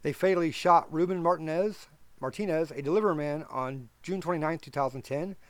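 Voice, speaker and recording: A man's voice: on the high side, a little fast, no echo. A man hosting a podcast, reading news stories aloud with stumbles and self-corrections, then adding blunt sarcastic commentary. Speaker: podcast host.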